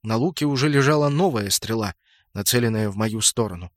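Measured male audiobook narrator, dry sound. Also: on the low side, no room sound. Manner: steady, measured storytelling. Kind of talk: scripted narration.

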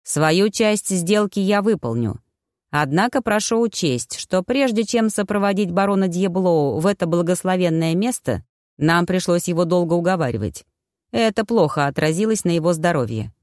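A woman reading an audiobook, voicing a smug, scheming male impostor who talks in a polite, smooth, bargaining way. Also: high voice, animated, normal speed, darkish tone, no echo, studio quality.

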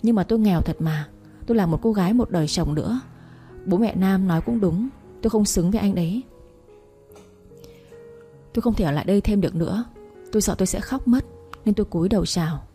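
A woman narrating a romance story in first person, in a steady storytelling manner. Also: medium pitch, quick pace, long pauses, soft background music.

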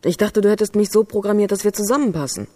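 A woman's voice: medium pitch, fast talker, a little mellow, lightly acted. An actress playing a jealous, suspicious female computer program who is a virtual lover, in a radio play. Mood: accusing, jealous. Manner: accusing, jealous, interrogating.

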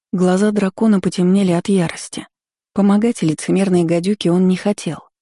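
A woman reading a fantasy novel aloud as a first-person audiobook narrator, in a measured, even storytelling manner. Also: lowish voice, no room sound, clean studio sound.

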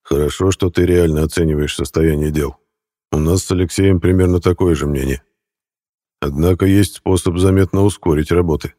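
Man doing a gruff older party boss, brisk and bossy, deep voice, dry audiobook sound. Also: steady tone, dark tone, no room sound. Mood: authoritative. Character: older male party official, commanding and blunt.

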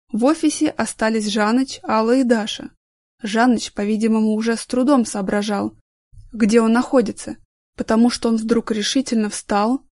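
A woman reading a story aloud in a lively storytelling manner. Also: on the high side, no room sound, studio quality. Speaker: audiobook narrator. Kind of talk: scripted narration.

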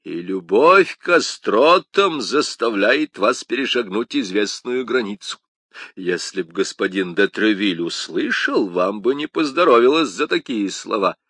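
A man reading an audiobook, voicing a boastful, hearty male musketeer who talks loudly and with indignant exclamations. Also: on the low side, animated, a little slow, slightly rough, no echo, studio quality, exaggerated voice. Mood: lecturing.

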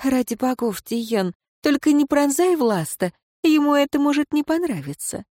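A woman's voice: high voice, sing-song, moderate pace, dark tone, no room sound, studio quality, voice pushed up. A woman voicing a playful, ironic young noblewoman who teases her lover. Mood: teasing.

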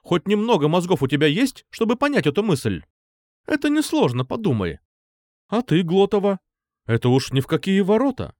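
A man voicing a strict middle-aged female schoolteacher who lectures loudly and sternly, in a storybook reading. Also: high voice, dry recording, clean studio sound, voice pushed up.

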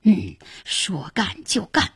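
A cold, calculating young male official speaks with smug restraint, as a woman storyteller puts him on. His delivery is slow and husky, with the measured voice of traditional oral storytelling. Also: medium pitch, wildly swooping pitch, a bit bright, full character voice. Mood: scheming.

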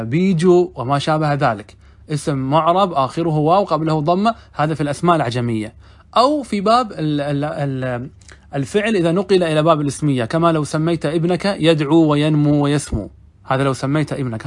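A man with a fairly high voice gives a classroom grammar lesson. He keeps asking his listeners questions and answers them himself. When he reads passages from the text, he slows down to a careful, deliberate pace. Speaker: sheikh teaching Arabic grammar.

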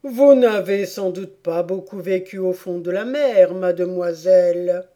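A woman reading an audiobook voices a weepy, sentimental sea-turtle creature with a drawn-out, plaintive delivery. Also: fairly low pitch, warm tone, natural voice. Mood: doleful.

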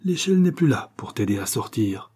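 A man's voice: on the low side, very animated, brisk, dark tone, husky. A male reader voicing a cynical, murderous young bandit who talks in a coaxing, mocking, cold way.

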